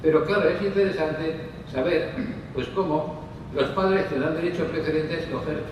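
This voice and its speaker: A man delivers a meandering panel talk, full of fillers and little asides to the audience. His voice sits a bit high, picked up from far away in a long-reverb hall, with clear background noise. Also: normal speed. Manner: discursive, with frequent fillers and asides. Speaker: panel speaker. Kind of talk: conference talk. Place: conference hall. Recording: distant mic in echoey hall with noise.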